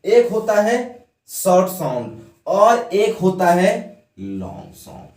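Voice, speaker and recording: A man teaching an English grammar lesson, talking slowly in a high voice that swoops up and down. He asks questions and answers them himself. The sound is roomy and a little distant from the mic. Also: lively intonation, darkish tone. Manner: explains by asking the students questions and then answering them; has the class repeat words after him. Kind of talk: classroom lesson.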